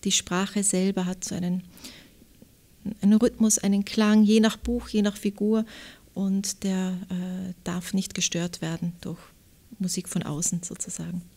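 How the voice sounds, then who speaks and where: A woman author with an Austrian German accent, answering interview questions and reading from her novel in a measured, thoughtful way. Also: mid-range voice, little pitch movement, warm tone. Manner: measured, thoughtful, reflective pauses.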